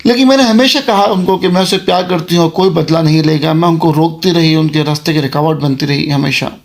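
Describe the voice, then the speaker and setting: Female mansion ghost, put on by a man, solemn, warning, gravelly, slightly high voice, horror storytelling. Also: fairly quick, lightly acted. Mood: mournful.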